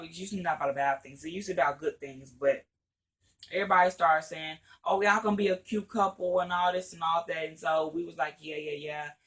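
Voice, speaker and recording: Bright-voiced young guy rambling. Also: a little high. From Arkansas, USA. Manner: rambling, fillers like "or whatever", frequent cursing. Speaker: vlogger. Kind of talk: casual storytime.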